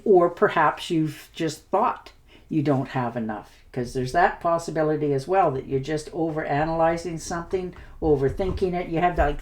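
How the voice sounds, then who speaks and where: A woman giving a casual tarot reading in a reassuring, chatty way, with many fillers. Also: deep voice. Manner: warm reassuring talk with fillers; hiccuping at times. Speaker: tarot reader.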